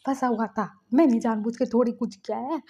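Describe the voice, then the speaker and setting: A woman's voice: fairly high pitch, warm tone, slightly rough. A woman voicing a frightened young man who pleads and defends himself in a rush. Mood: pleading. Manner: pleading, rushed self-defense. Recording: dull lo-fi recording.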